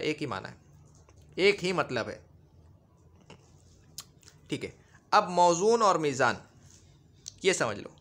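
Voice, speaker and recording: A man's voice: medium pitch, sharp tone. A man teaching a grammar lesson, explaining patiently, repeating points and often checking that his listeners follow. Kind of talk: classroom grammar lecture.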